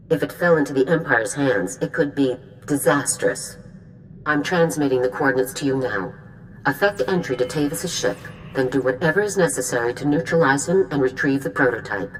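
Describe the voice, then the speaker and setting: Low-voiced stern general. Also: female voice, slight background noise, poor audio. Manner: brisk, authoritative, dry. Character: stern, commanding female military general. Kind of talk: video game cutscene acting. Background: music.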